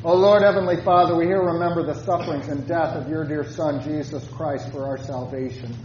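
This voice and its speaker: A man leading formal church prayers as a pastor, in a solemn, measured manner. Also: on the high side, fairly even intonation, darkish tone, roomy sound. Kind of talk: formal liturgical prayer and chant. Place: church service. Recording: muffled church recording with faint noise.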